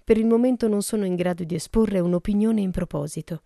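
A woman voicing an old male judge in an audiobook, thin, clear and measured. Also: medium pitch, warm tone, dry recording, studio quality, close to an everyday voice. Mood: calm.

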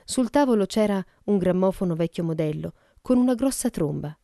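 A woman reading a mystery novel aloud as audiobook narrator, steady and suspenseful. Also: mid-range voice, fairly quick, vocal fry, dry recording, clean studio sound. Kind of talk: scripted narration.

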